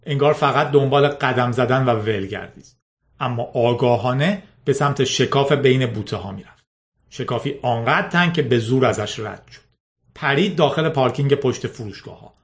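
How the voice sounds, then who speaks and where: روایت داستان، صدای مردانه با زیر و بمی معمولی، لحن سنجیده. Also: male voice, medium pitch. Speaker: narrator. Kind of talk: scripted audiobook narration.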